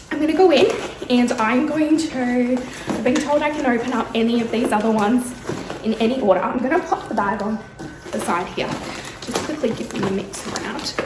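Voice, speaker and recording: A woman's voice: on the high side, roomy sound, noisy background. An Australian woman talking casually to camera at home, a little out of breath, with frequent ums. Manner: chatty, with many ums. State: out of breath from pain. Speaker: vlogger. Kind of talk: casual vlog talk to camera. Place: bedroom at home.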